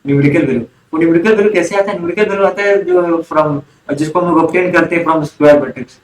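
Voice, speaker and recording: A man's voice: fairly high pitch, quick pace, reverberant, a little hiss or hum, poor audio. A man teaching an online commerce class, often quizzing students and repeating key terms. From India. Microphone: online class recording.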